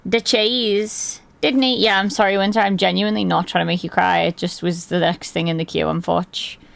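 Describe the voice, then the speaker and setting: A woman streamer with a hoarse, gravelly voice chats casually with her live viewers from her desk, rambling and laughing often. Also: mid-range voice, fairly even intonation, a little fast. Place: at a desk indoors.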